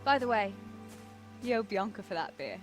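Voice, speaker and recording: A woman's voice: mid-range voice, animated, moderate pace, lightly acted. Game role: woman playing teasing, spirited young medieval villager, middle register, underscored with music. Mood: teasing, tender. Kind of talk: video game acting.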